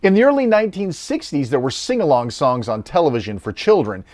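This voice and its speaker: Lively, wry middle-aged male narrator. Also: fairly high pitch, a little fast, no room sound. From United States. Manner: wry, storytelling. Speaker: documentary narrator. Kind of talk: scripted documentary narration.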